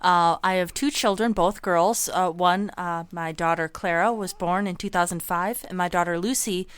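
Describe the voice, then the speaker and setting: A woman in her thirties introducing herself as a panelist, hesitant with many pauses. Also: lowish voice, fairly even intonation, clear, resonant tone, no echo. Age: 30s. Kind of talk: casual introduction.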